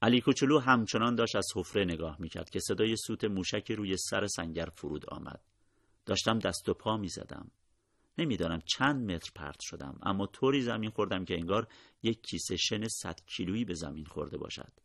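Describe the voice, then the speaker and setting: Deep raspy guy reading a war story, slow steady telling, dry close sound. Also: dry recording. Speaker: narrator. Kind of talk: audiobook narration of a war memoir.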